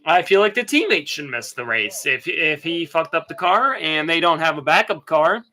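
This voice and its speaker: A man's voice: a little high, expressive, normal speed, pushed and bright, low-quality recording. A young man chatting casually while watching a race, rambling and stammering with lots of restarts. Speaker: video creator.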